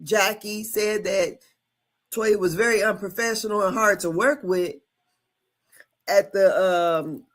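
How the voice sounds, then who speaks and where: A woman co-hosting a casual recap chat, musing in a halting way and trailing off between thoughts. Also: mid-range voice. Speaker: co-host of a reality TV recap show.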